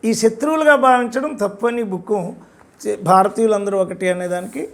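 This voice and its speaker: A man's voice: high-pitched, moderate pace. An older man giving an emphatic, repetitive spoken lecture about his own book. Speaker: author discussing his book.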